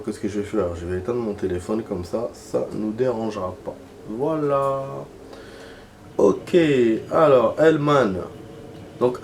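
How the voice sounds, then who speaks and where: A man's voice: mid-range voice, a little mellow, a little hiss or hum. A man giving casual, joking gameplay commentary and laughing at himself. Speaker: gaming let's-player.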